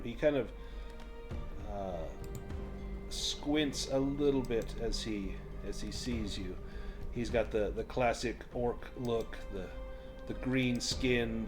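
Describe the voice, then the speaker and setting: A man running a tabletop game, narrating casually and explaining rules as game master. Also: on the low side. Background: music.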